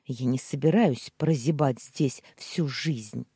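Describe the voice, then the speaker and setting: A woman's voice: a bass voice, takes it slowly, mellow, husky, no room sound, clean studio sound, exaggerated voice. A woman voicing a bitter, scornful young wife of twenty-one who talks sharply and hisses her demands. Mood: bitter, angry.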